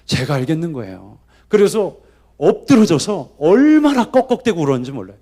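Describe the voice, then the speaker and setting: A man's voice: on the high side, fairly quick. A man preaching a revival sermon, telling his own story and acting out the voices of the people in it. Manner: animated, acts out quoted voices. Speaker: guest preacher. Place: church sanctuary.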